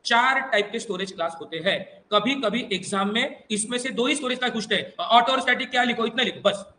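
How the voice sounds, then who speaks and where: A man's voice: extremely high pitch, sharp tone, reverberant, low-quality recording. A male computer teacher with an Indian English accent giving an exam revision lecture, quizzing his students in call-and-response and coaxing them along. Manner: reassuring and coaxing, addresses students as "beta".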